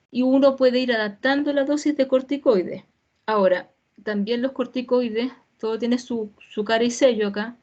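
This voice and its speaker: A woman's voice: on the high side, a little mellow. Woman doctor lecturing over lo-fi call. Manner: explanatory, casual asides and tag checks. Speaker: physician giving a patient talk. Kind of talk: informal medical lecture.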